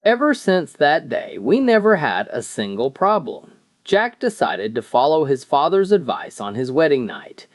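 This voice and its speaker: A man tells scripted jokes in an animated storytelling style, acting out the dialogue. His pitch moves around a lot, and the sound is dry and close with little room on it. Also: moderate pace, no room sound. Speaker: joke teller. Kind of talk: scripted joke narration.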